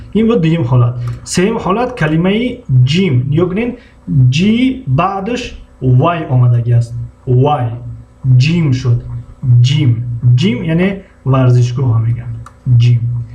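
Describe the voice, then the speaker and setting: A man with a Tajik accent gives a language lesson in a slightly high voice. He works through the rules patiently and repeats each example word again and again so the students can follow. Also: darkish tone. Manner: slow, repeats words over and over for students. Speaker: English teacher.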